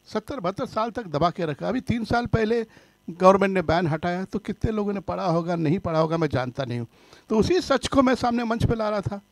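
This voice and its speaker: A man's voice: high-pitched, vocal fry, dry recording. A filmmaker speaking earnestly at a press conference, explaining and defending his work. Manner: pleading for calm, then earnest explaining.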